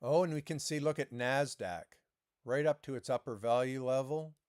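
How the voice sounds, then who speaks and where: A man's voice: mid-range voice, moderate pace, a little mellow, clean tone, no echo, studio quality. A man streaming live trading commentary, coaching viewers in an emphatic way and repeating words as he presses his points.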